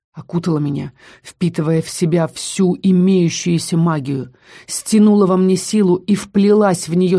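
A woman narrating a fantasy audiobook in an expressive, dramatic reading style that slows for tense lines. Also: lowish voice.

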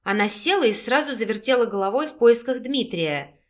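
A woman narrating a romance audiobook in an even, steady storytelling manner. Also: on the high side, brisk. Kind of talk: scripted narration.

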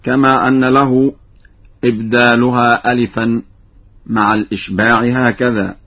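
Middle-aged guy teaching quran readings, calm explaining then slow chant, muffled old radio sound. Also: medium pitch. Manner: measured explanation, slow melodic chanting for quoted verses. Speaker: Quran recitation scholar. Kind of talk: formal broadcast lesson with chanted examples. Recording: dull archival radio broadcast.

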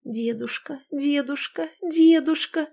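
A woman voicing an anxious, loving young granddaughter who speaks emotionally with a rising pitch. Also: fairly even intonation, normal speed, mellow, lightly acted. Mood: overjoyed.

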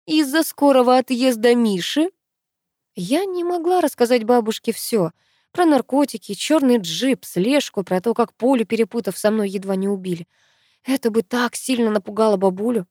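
A woman's voice: a little high, moderate pace, dark tone, breathy edge, dry recording, clean studio sound. Woman reading a novel with emotion. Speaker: audiobook reader. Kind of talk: emotive first-person novel narration.

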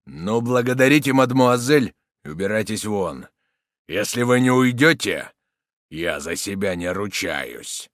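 A man's voice: mid-range voice, big pitch swings, normal speed, fairly bright tone, no echo, clean studio sound. A man voicing a blunt, hot-tempered old soldier in an audiobook. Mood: restrained. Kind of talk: audiobook character reading.

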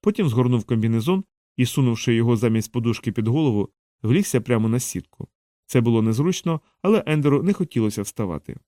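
A man narrating an audiobook in a steady, measured reading. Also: mid-range voice, no room sound, clean studio sound.

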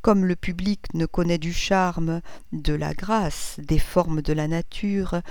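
A woman reads a classic novel aloud in a measured, even way. Her voice sits low and mellow, and the recording is dry and close. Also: dry recording. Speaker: audiobook reader. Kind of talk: scripted narration of a classic novel.

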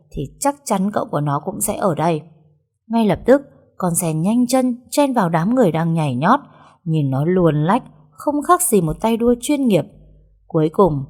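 Casting: woman narrator, animated storybook reading. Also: fairly low pitch. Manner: lively, expressive reading. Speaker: audiobook narrator.

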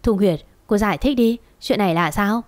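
A woman's voice: medium pitch, moderate pace, a little mellow, close to an everyday voice. A woman voicing an angry young master of the house, harsh and scolding, in a storybook reading.

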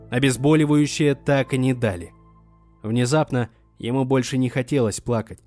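A man reading a dark story aloud in steady scripted narration. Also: mid-range voice. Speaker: audiobook narrator.

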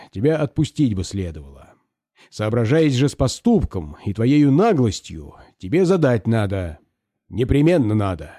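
A man's voice: a little high, warm tone, no room sound, clean studio sound. Man playing a scolding pompous landowner. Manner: lecturing, indignant, moralizing.

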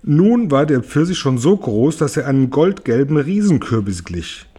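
Husky, expressive male storyteller. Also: medium pitch, normal speed. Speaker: narrator. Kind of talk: audiobook reading.

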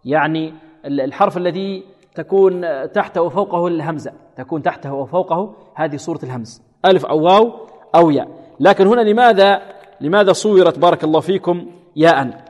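Higher-voiced man teaching in a reverberant hall. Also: a little mellow. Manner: asks students questions and answers them himself, repeats words slowly for practice. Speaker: Quran recitation teacher. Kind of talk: classroom tajwid lesson.

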